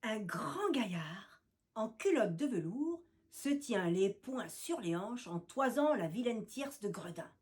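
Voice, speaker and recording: A woman storyteller reading a scripted tale aloud in a lively, expressive way. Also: medium pitch, takes it slowly.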